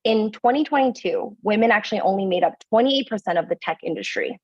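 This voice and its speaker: A woman moderator reads a scripted introduction crisply, like a presenter. The recording is dry and a little dull. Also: mid-range voice, expressive, fast talker, no room sound.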